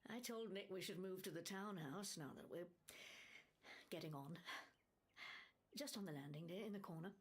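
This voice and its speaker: A woman's voice: fairly low pitch, moderate pace, breathy edge. An actress playing a wry older woman, lady of a grand house, speaking with dry, genteel teasing. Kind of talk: audio drama acting.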